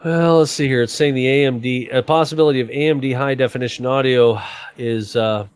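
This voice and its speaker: A man's voice: mid-range voice, steady tone, fairly quick, smooth, no room sound. A man hosting a casual livestream, joking and laughing often while he rambles about fixing his computer. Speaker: livestream host. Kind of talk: casual stream chat.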